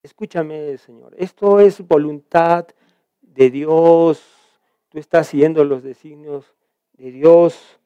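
A man's voice: fairly high pitch, slow pace, smooth, no room sound, muffled recording. A man from Peru leading a church Bible study, reading scripture aloud and explaining it with frequent restarts.

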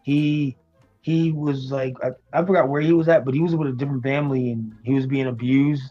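A man from the United States, raised in New York and Florida, talking as an interview guest in a relaxed, hesitant way with many ums. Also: mid-range voice, fairly quick, dull audio, faint music behind. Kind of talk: casual interview chat.

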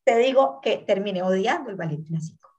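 A woman's voice: medium pitch, fairly quick, muffled recording, a crowd in the background. Earnest Colombian woman telling her story. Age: 30s. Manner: earnest, animated storytelling with acted-out quotes. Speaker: guest, tango dancer. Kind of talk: interview, personal story.

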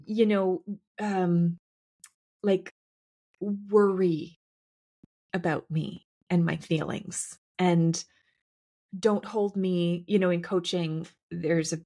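A woman co-hosting a podcast and working as a coach, talking in a reflective, halting way with many fillers. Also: lowish voice, steady tone, mellow. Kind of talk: casual podcast conversation.

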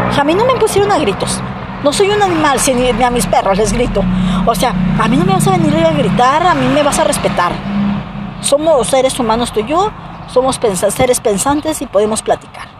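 Mexican woman, fairly high voice, vlog chat, emphatic and rambling, faint traffic behind. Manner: emphatic, rambling with many restarts and fillers. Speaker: vlogger. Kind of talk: casual chat to viewers.

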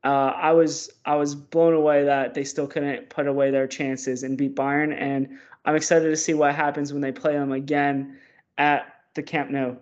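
An opinionated man with a somewhat high voice talks through football stats and predictions with animated conviction. The audio sounds dull and lo-fi. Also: moderate pace. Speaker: podcast co-host. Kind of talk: casual football analysis.

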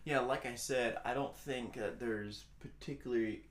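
A man co-hosting a podcast in casual chat, calmly explaining his view. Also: medium pitch, moderate pace, reverberant. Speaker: podcast co-host.

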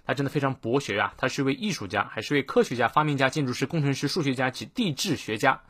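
Man teaching English phrases, measured pace. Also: mid-range voice, a bit bright, husky. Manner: explains word by word, slows down to model pronunciation. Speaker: English teacher, host of a daily morning reading show. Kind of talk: scripted daily English lesson.

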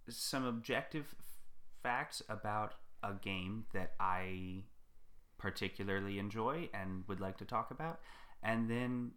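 A young man co-hosting a podcast, talking in a dry, joking, unhurried way. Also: lowish voice, fairly bright tone. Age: young adult. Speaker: podcast co-host. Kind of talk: casual chat.

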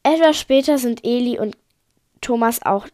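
A woman with a somewhat high voice reads her own story aloud. She trips over words and corrects herself mid-sentence. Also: moderate pace, warm tone, no room sound, clean studio sound. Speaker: podcast host reading her own story. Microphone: voice message recording.

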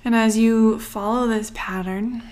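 This breathing meditation is led by a female coach whose breathy voice, calm and unhurried, often tapers into a whisper amid long pauses. She speaks at a fairly high pitch, with fairly even intonation and a slightly mellow tone.

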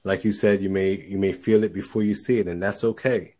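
A man with a fairly low voice talks in a relaxed, conversational way. He sounds earnest and encouraging, and he often stumbles over and repeats his first words before he settles into a sentence. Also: brisk. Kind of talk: casual conversation.

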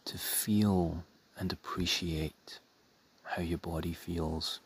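A man softly leading a guided meditation in a breathy, soothing half-whisper, with measured phrases and long pauses. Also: deep voice, fairly even intonation.

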